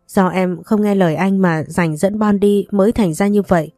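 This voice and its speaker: A woman's voice: medium pitch, steady tone, moderate pace, dark tone, no echo, studio quality, natural voice. Woman reading a frightened young woman.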